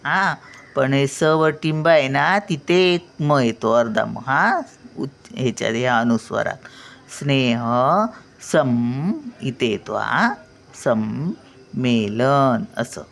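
Older woman, patient teacher, gravelly and unhurried, stretches out syllables to demonstrate sounds. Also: extremely low pitch. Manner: slowly drawing out syllables to show pronunciation. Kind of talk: spelling and pronunciation lesson.

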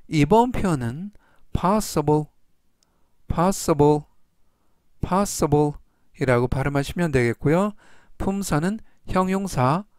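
A man teaching English vocabulary, saying each word three times slowly and explaining its meaning. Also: on the high side, clear, resonant tone, no room sound, studio quality. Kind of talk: slow, deliberate vocabulary lesson.

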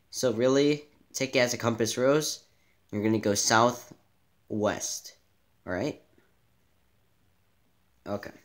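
A man giving a casual gameplay tutorial, relaxed and thinking aloud as he plays in a dim room, filmed by a camera pointed at the TV. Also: lowish voice, reverberant. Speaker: gaming channel host.

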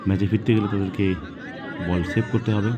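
Man, deep-pitched, live match commentary, clipped repeated announcements, noisy outdoor ground with crowd. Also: level tone, fast, muffled recording. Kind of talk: live penalty shootout commentary. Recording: loud outdoor crowd and ambient noise.

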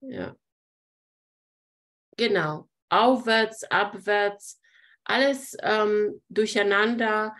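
Slow-speaking woman teaching art. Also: medium pitch, fairly bright tone. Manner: explains slowly while pointing at pictures, addresses viewers directly. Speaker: art teacher hosting a webinar. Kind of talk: live online lesson on painting composition.

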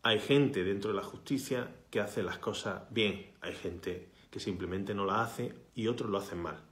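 A man's voice: lowish voice, moderate pace, fairly bright tone. A man, a healthcare worker making an impassioned protest appeal straight to his phone camera, fiery and emphatic, sometimes dropping to a whisper for stress. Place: small indoor room, bright window behind. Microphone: phone camera at arm's length. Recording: echoey room.

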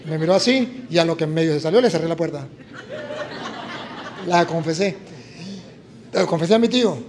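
Latin american priest preaching, high voice, acts out all the voices in his story, faint room noise. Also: normal speed. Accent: Latin American Spanish. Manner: animated, acts out dialogue in story. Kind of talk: sermon with storytelling.

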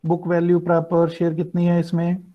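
A man's voice: on the high side, completely flat delivery, very fast. A middle-aged man with a North Indian accent and Hindi as his native language, lecturing an online class in two mixed languages, explaining and checking with students, over a computer mic on a video call. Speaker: finance teacher. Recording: dull, lo-fi video-call audio.

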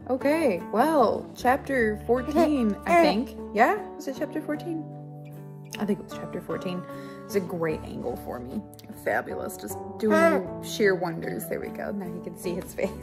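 A young woman talks through her thoughts in a loose, chatty way, wandering off into asides. Her voice sits at an ordinary middle pitch for a woman, close to a tablet mic in a living room, with music playing clearly underneath. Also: lively intonation, moderate pace. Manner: chatty and rambling, self-deprecating asides. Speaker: book club vlogger. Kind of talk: casual book discussion chat. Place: living room at home, indoors. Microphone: tablet built-in mic, close and low.

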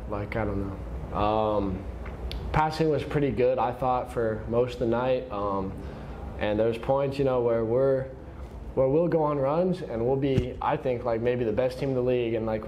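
A young volleyball player answering post-game questions in a casual, relaxed way, full of "like" and "I don't know". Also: male voice, mid-range voice, normal speed, highs cut off, slight background noise. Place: press conference room.

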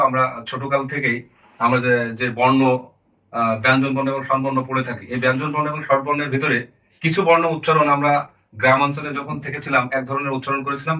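A man's voice: mid-range voice, sharp tone, recorded from a distance, rough recording. A man teaching a spoken lesson, earnestly saying each term twice.

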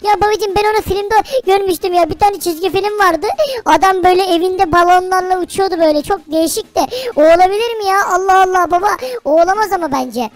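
A man voicing an excitable, whiny little boy in a Minecraft role-play, calling his dad in a chatty way. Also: very high voice, fast, pitched above the performer's own voice. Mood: curious.

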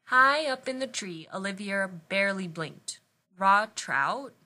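A woman reading a picture book aloud in an expressive, lively storytelling manner. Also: medium pitch, a little slow. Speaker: storybook reader.

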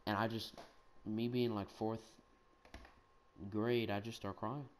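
A young man telling a childhood story in a rambling, animated, self-mocking way, with lots of restarts. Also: on the low side, slow, slight background noise. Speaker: gaming video storyteller.

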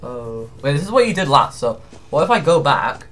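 A man's voice: medium pitch, very animated, moderate pace, very noisy. A man hosting a casual horror-game session with friends, yelping nervously and laughing as he plays. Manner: jumpy, frightened yelps and nervous laughter. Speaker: channel host. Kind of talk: casual let's-play banter with friends. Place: indoors, with friends in one room.

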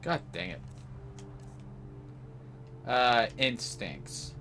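With game music running in the background and slight noise, a man hosting a gaming video comments loosely on his play, partly to himself. His mid-range voice is sing-song and sharp, and he draws out his words.

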